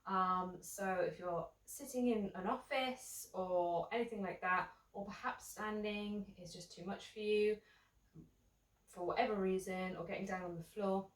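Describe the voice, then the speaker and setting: A woman teaching a seated yoga class, talking gently and casually, with many ums. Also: mid-range voice, steady tone, unhurried, roomy sound, recorded from a distance, rough recording. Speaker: yoga instructor. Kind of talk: guided seated yoga instruction.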